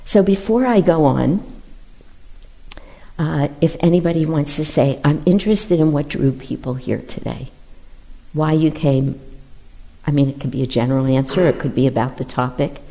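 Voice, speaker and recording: A woman's voice: sits low, normal speed, creaky, mellow. A woman leading a Sunday service in a large church, giving an informal, conversational sermon full of self-deprecating stories.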